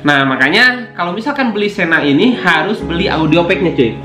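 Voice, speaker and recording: A young man with a high, lively voice talks a little fast and with a sharp tone, casually unboxing his motorbike vlogging gear for the camera. This motovlogger YouTuber is slangy, keeps saying "cuy," and fills his talk with fillers. The room is echoey, with guitar music playing.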